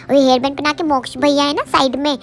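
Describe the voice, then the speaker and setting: A woman's voice: sits high, steady tone, quick pace. A woman doing a playful, childlike voice-over in her baby's first person, mock-complaining about a photo shoot.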